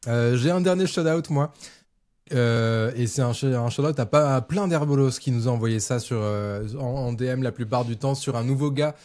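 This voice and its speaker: Easygoing podcast co-host. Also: male voice, mid-range voice, normal speed, darkish tone. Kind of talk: casual chat.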